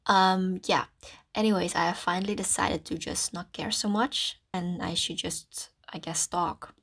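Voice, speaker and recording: A woman's voice: lowish voice, steady tone, moderate pace, a bit bright, slightly rough. A woman in her early twenties from the Netherlands hosting a casual solo podcast, self-conscious and rambling, talking into a phone in a small closet with a towel over her head. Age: early 20s. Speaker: podcast host.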